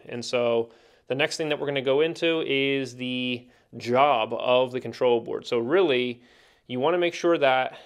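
A man in his thirties teaching circuit board troubleshooting in a plain, practical way, with the odd filler, from a small training room. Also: medium pitch. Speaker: HVAC instructor. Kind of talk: technical training explanation. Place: indoor training room with whiteboard.

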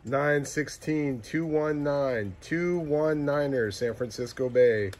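Slow-calling man on noisy, mistuned ham radio. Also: fairly high pitch. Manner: clipped call signs and place names. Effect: mistuned ham radio, single-sideband. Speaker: CB radio operator. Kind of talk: repeated CB radio calls.

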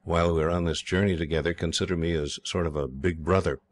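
Voiced by a man, a hearty young English officer speaks very deeply and steadily at a quick pace, with no echo. Cheerful and reassuring, he sets out plans calmly in the manner of a storybook hero.

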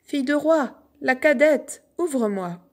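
A woman voicing an insistent frog in a fairy tale, in a high, sing-song calling voice. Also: steady tone, normal speed, darkish tone, lightly acted.

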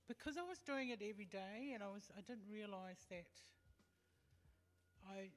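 A woman in her fifties from Tonga, talking as a guest in an on-stage interview, halting and full of fillers, holding a handheld mic. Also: mid-range voice. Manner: hesitant, halting with many fillers. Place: large hall with stage and audience. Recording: long hall reverb.

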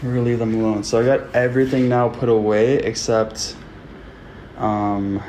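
In poor audio with slight background noise, a young adult Canadian man livestreams casually from a small room into a phone at arm's length. His medium-pitched voice is level and darkish, at normal speed. He keeps up upbeat chatter with viewers and mutters to himself along the way.

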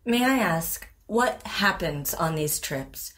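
In an audio drama, an actress portrays a composed, reassuring therapist who speaks formally and asks gentle, measured questions. Her female voice is fairly low-pitched and expressive, with a calm, probing mood.

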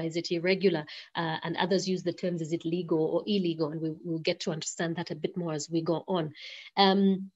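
A woman's voice: fairly low pitch, darkish tone. Hesitant woman lecturing over a dull call. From Zambia. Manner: hesitant, many fillers and restarts. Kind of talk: online lecture. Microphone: video call. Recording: lo-fi video call audio.

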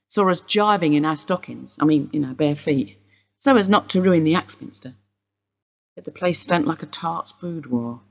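A deep, slightly rough and somewhat mellow female voice, heavily acted, portrays Mrs Steele. She's a widowed English housewife under suspicion, wistfully rambling about the past during a police interview in a radio play.

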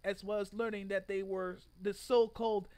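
In a room at home, a twenties-aged man who creates online videos performs a dramatic reading of a written post, exaggerated and theatrical with sudden loud outbursts. His high-pitched voice has a clean tone, a moderate pace and a flat delivery.

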